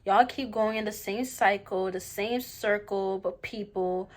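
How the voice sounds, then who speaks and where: A woman's voice: medium pitch, fairly even intonation, measured pace. A young woman in a casual opinion monologue to viewers during a mukbang, slangy and emphatic, repeating phrases to drive points home. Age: young adult. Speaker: vlogger.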